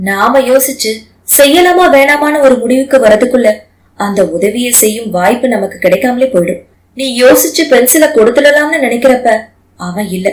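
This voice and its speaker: A woman voicing a caring young husband who consoles his wife in a calm, gently lecturing way. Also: on the high side, normal speed, echoey room, close to an everyday voice, low-quality recording. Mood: reassuring.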